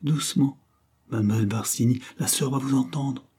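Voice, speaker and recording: A man voicing a calm, principled gentleman in an audiobook, measured and restrained. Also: mid-range voice, husky, pitched above the performer's own voice, lightly acted. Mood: firm, calm. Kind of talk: audiobook character reading.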